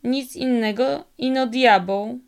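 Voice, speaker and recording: A woman voicing a cunning old highland fiddler who speaks in a slow, drawling Podhale dialect. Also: vocal fry, smooth. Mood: uneasy musing. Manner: slow, drawling folksy speech.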